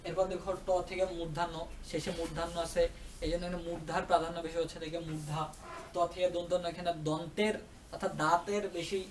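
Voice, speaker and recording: A man's voice: high-pitched, distant mic, slight background noise. A male tutor explaining a grammar lesson, often stopping to ask if students follow. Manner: checks understanding with repeated questions. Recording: roomy echo, away from the mic.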